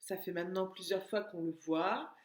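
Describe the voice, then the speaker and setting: A woman's voice: lowish voice, moderate pace. A woman teaching a lesson to young children, speaking patiently and stretching out syllables as she taps them. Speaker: preschool teacher. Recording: echoey room.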